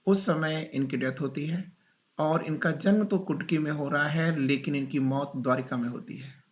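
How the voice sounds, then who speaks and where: A male teacher with a slightly high voice gives a classroom lecture, dictating slowly and repeating points while asking his students questions. The audio is dull.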